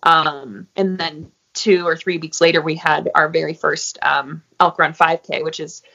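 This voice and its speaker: A woman, a guest in an interview, talking casually and filling pauses with "um" and "you know.". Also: low-pitched, fairly even intonation, gravelly, sharp tone. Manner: friendly, many fillers like um and you know. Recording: muffled, lo-fi audio.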